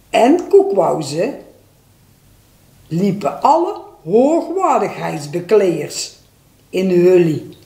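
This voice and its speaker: Slow woman reading a dictation. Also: mellow, reverberant. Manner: reads each phrase slowly, then drops low to call out punctuation. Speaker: dictation reader.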